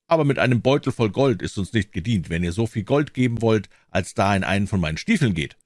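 A man's voice: on the low side, lively intonation, fast, darkish tone, no room sound, studio quality, lightly acted. A man voicing a bold, cheeky young soldier who talks back with mockery. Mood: defiant. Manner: defiant, mocking.

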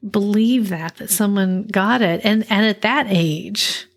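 A woman's voice: mid-range voice, takes it slowly. Empathetic middle-aged woman host. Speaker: host, parent of a child with food allergies. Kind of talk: casual interview talk.

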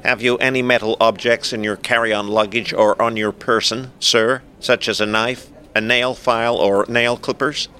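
A man's voice: medium pitch, flat delivery, moderate pace, few pauses, pushed and bright, pitched above the performer's own voice, close to an everyday voice. A man voicing a rigid, humourless male airport ticket staffer, stiff and formal.

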